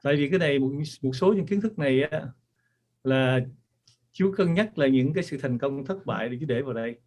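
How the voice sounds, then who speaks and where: A man's voice: medium pitch, lively intonation, brisk, darkish tone. Man, author and teacher, earnest, repetitive, addressing an audience. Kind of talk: talk to an audience.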